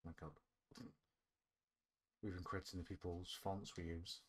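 A man's voice: low voice, little pitch movement, moderate pace, breathy edge. A British man giving casual, sarcastic, sweary game commentary. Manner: sarcastic, sweary, self-deprecating. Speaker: gaming video host. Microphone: voice-over mixed over game audio. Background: game music.

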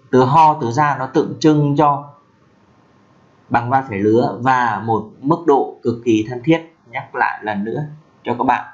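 A man gives a relaxed spoken language lesson, going over each word again and again. He talks slowly and stretches out his example phrases. The recording sounds dull and lo-fi. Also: medium pitch. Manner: slow, repeats words and drawls example phrases. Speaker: language teacher.

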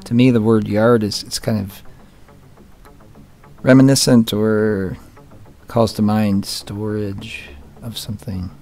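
A man's voice: on the low side, flat delivery, slow pace, long pauses, darkish tone, faint music behind. A man hosting his own channel, giving casual commentary on old photos with wry, joking asides. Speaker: channel host.

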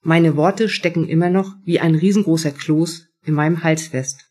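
A woman's voice: low-pitched, steady tone, moderate pace, a little mellow, breathy edge. A woman author reading first-person prose from her own novel at a live event.

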